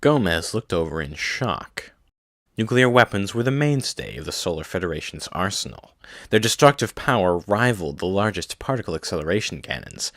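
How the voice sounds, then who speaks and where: A man narrates a science-fiction novel in a very low voice. The sound is dry and close to the mic, and his reading is steady and measured. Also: dry recording. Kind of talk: scripted audiobook narration.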